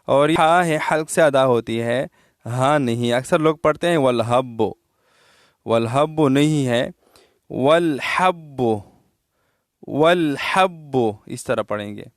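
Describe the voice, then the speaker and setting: A man's voice: mid-range voice, clean tone, dry recording, studio quality. A man with a Pakistani Urdu accent teaching tajweed, patiently explaining each letter and asking if his pupils understand. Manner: patient explanation, asks pupils if they understood, slows down to chant verses. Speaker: Quran recitation teacher. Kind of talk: tajweed lesson, explaining then reciting.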